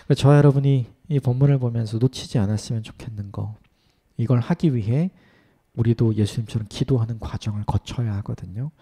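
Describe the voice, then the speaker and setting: Gravelly-voiced man preaching. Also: mid-range voice, brisk. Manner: earnest preaching, drops to soft whispers for prayers and blessings. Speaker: pastor. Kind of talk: early-morning sermon.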